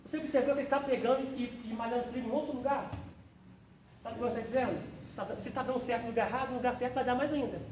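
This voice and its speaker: A man's voice: extremely high pitch, fairly even intonation, racing, a crowd in the background. A man, a pastor teaching a theology class in a fervent, exclamatory preaching style and calling on listeners by name. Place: church classroom. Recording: roomy, distant mic, faint noise.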